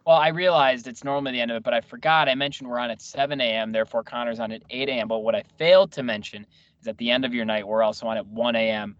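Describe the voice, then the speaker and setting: A man's voice: mid-range voice, fairly even intonation, fast, no room sound. A man hosting a casual sports radio chat, wry and teasing, talking a lot. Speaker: radio show host. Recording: muffled lo-fi audio.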